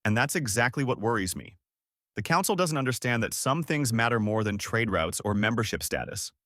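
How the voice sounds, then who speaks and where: Brief: calm human ambassador, read by a male narrator, quiet and restrained, dry close sound. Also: medium pitch, fairly quick, no echo, lightly acted.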